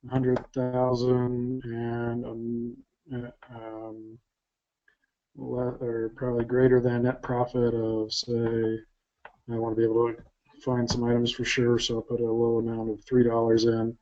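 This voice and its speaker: A man demoing software over a video call, talking in a halting, hesitant way with many fillers. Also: medium pitch, completely flat delivery. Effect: heard over a video call. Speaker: software developer showing a product. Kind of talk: live screen-share demo. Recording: muffled video call audio.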